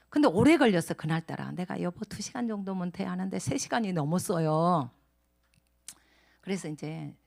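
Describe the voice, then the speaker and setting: A middle-aged woman giving a lively church testimony, telling her story with laughter and acted-out quotes. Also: lowish voice, gravelly. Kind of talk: testimony talk at a church training session.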